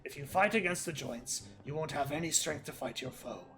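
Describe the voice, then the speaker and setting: A man's voice: fairly high pitch, brisk, a bit bright, faint music behind. A man voicing an elderly male orc servant who is obsequious and whining, read from an in-game book. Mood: instructive.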